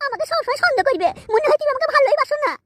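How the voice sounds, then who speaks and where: Give me a touchy cartoon wife as a woman voices her, high and quick. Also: expressive, fairly bright tone, dry recording. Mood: indignant. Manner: indignant, quarrelsome. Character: touchy, indignant young wife. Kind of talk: comic cartoon dubbing.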